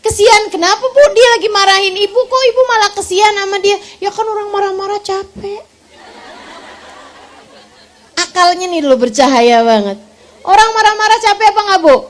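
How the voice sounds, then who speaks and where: Seorang pendakwah perempuan paruh baya yang berceramah kepada ibu-ibu dengan gaya bercerita yang hidup dan sesekali tertawa. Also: female voice, very high voice, normal speed, a faint crowd. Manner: lively, animated storytelling with laughs. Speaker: preacher. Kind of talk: religious lecture to women.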